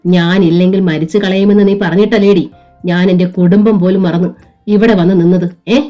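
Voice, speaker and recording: A woman's voice: fairly low pitch, steady tone, moderate pace, dark tone, lightly acted. A woman voicing an angry, jealous middle-aged man who growls harsh, scornful accusations, in a dull lo-fi recording with faint music.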